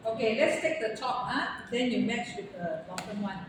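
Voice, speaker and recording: A woman teaching English to a class, stretching out sample sentences so students can copy them. Her voice sits a little high. It is heard from a distance in a long-echoing room with steady noise behind. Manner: slow, drawn-out model phrasing for students. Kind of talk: classroom lesson. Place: echoey classroom. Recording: echoey, noisy classroom from afar.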